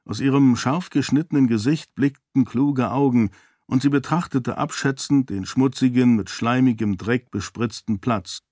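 Steady male audiobook narrator. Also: medium pitch, moderate pace, dry recording, clean studio sound. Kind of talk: scripted narration.

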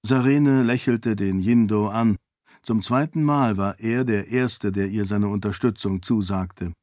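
A man narrating a fantasy novel in a calm, even storytelling manner. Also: lowish voice, unhurried, no echo, studio quality. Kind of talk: audiobook narration.

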